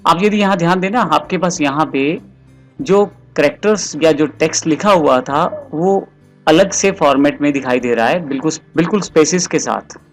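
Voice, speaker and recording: A man narrates a screen-recorded software tutorial, explaining each step directly to the viewer. His voice sits a little high for a man. Faint music plays behind the desktop-mic voice-over. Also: normal speed.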